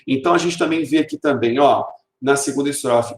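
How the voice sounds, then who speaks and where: A male teacher with a Brazilian Portuguese accent giving a recorded literature lesson. He explains, asks rhetorical questions and answers them, and reads verse slowly with stressed sounds. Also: mid-range voice, a little hiss or hum. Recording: echoey room.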